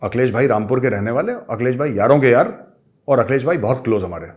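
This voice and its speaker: A middle-aged man hosting a show, telling a personal story in a lively way and sliding in English phrases. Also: medium pitch, quick pace. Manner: lively, acts out quoted people with raised voice, mixes English phrases. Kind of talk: animated storytelling.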